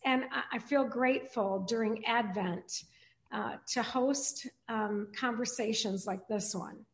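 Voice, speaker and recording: A woman pastor hosting a podcast interview, speaking in a halting way with many fillers and restarts. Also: on the high side. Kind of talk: casual interview chat.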